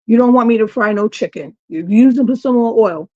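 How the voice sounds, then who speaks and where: A home cooking vlogger talks casually to viewers from her home kitchen, complaining with dramatic exasperation. Her voice is a little high and warm, at a normal speed, and the audio is dull and lo-fi.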